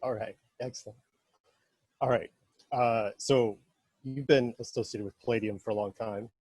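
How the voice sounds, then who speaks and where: A man hosting an interview, friendly and quizzing his guest with quick either-or questions. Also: medium pitch, steady tone, a little mellow, husky, dry recording. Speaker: interview host. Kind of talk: casual interview chat.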